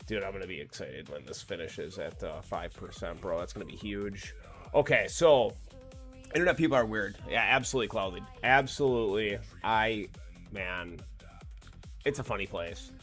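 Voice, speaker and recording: Over soft background music, a laid-back gaming streamer talks casually to his chat mid-game, swearing freely. His slightly nasal voice is fairly low and a bit bright, moving at a normal speed.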